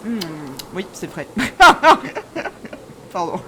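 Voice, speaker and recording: A high-pitched woman gives live commentary on a horror game, with noticeable noise behind her voice. She is jumpy and easily scared, and talks to her viewers in a casual, joking, sweary way. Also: big pitch swings, very slow, pushed and bright. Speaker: video game streamer.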